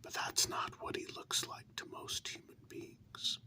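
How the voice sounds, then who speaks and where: Whispering an ASMR role-play, a performer voices a tender, candid human who loves a vampire, speaking intimately and haltingly in a reassuring way. The delivery stays close to an everyday voice, and the mood is reassuring and earnest.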